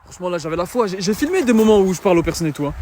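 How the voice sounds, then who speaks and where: A young man talks into his phone out on a city street at night. His voice sits a little high for a man, and he sounds worn out and frustrated, looping back over the same phrases. Clear traffic and street noise run behind him. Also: expressive, very fast, warm tone. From Belgium. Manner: tired, frustrated rambling with many repeats. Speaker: travel vlogger. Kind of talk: casual vlog talk to camera.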